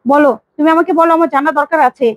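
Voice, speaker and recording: A woman's voice: sits high, steady tone, very fast, no room sound, lightly acted, poor audio. A woman voicing a grieving, stern middle-aged father who laments and demands the truth.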